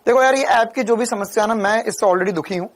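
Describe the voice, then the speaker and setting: A man's voice: sits high, fairly quick. A young man teaching a physics class in a casual, chatty way, talking to students like friends. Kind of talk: casual Hindi lecture.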